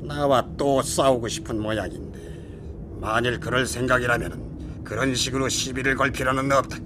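Casting: male actor as haughty dark lord for radio drama, imperious and threatening, mid-pitched, clear noise behind. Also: fairly even intonation, moderate pace, natural voice. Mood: offended, haughty. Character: menacing, proud, easily insulted rival demon lord. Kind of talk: dramatized comic audio acting.

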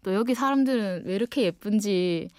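Her mid-range voice is clean and slightly dark, moving at a moderate pace in a dry, studio-quality recording. The speaker, a twenty-year-old design student from Ulsan, South Korea, with Gyeongsang Korean speech, guest-hosts a late-night radio show and reflects candidly on her own life.

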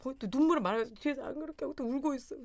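A woman in her forties telling a story in casual chat, animated and bursting into loud quoted lines. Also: sits high, very fast. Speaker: storyteller guest.

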